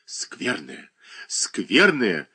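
A man voicing a capricious, childish young married woman who whines and pouts in a high, drawn-out voice. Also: wildly swooping pitch, sharp tone, breathy edge, full character voice. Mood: petulant scolding.

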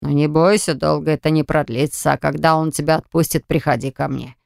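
A narrator voicing a domineering, scheming older father who talks in a slow, insinuating and threatening way. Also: medium pitch, flat delivery, vocal fry, clean tone, dry recording, studio quality, close to an everyday voice. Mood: wheedling. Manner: insinuating, then threatening and contemptuous. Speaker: storybook character.

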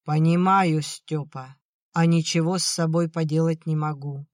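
A drunken, bitter old peasant father, as the audiobook narrator puts him on, dragging his words out slowly and loudly in a dry, close recording. He rails and mutters with a heavy, slurred weight on every phrase. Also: medium pitch, fairly even intonation, no echo, natural voice. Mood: maudlin, self-pitying. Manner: shouting then maudlin, slurred. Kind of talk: audiobook acting.

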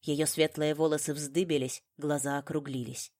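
A woman with a deep, low voice narrates an audiobook in the first person. She reads in a measured, dramatic way, with steady control over each sentence.

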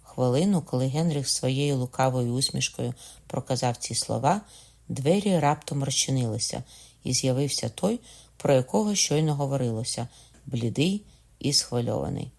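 Male audiobook narrator, steady. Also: mid-range voice, normal speed, gravelly. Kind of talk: scripted narration.

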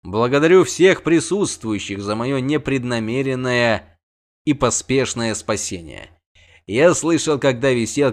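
A man's voice: mid-range voice, close to an everyday voice. A man reading an audiobook, voicing a proud monster hunter who speaks formally with bitter irony. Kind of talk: audiobook character voice.

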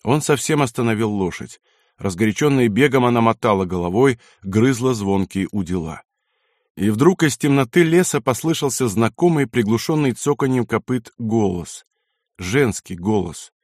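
A man narrating a war novel as an audiobook, reading in a measured, dramatic way. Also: medium pitch, animated, a little mellow, no room sound, clean studio sound. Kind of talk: scripted narration.

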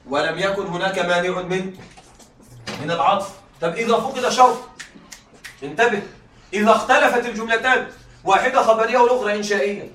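A man teaching a class, often checking that students follow, repeating key points and reading examples slowly. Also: high-pitched, fairly bright tone, roomy sound, distant mic, a little hiss or hum. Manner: reads examples slowly and deliberately. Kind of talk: classroom lecture.

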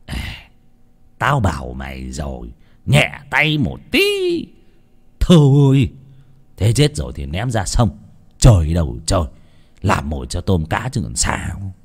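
A man's voice: deep voice, very animated, a little slow, pauses often, husky, heavily acted. A man voicing a cruel old village chief who gives cold, dismissive orders.

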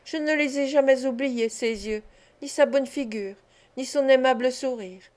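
A woman's voice: sits high, moderate pace, darkish tone, lightly acted. A woman reading an audiobook, voicing an elderly housekeeper who speaks tenderly and effusively. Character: kindly frail old housekeeper woman.

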